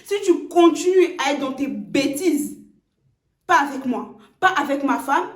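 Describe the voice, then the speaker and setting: A woman's voice: high voice, animated, measured pace. A woman doing a stern scolding father. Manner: stern, warning. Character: stern older father, scolding his son. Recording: roomy echo.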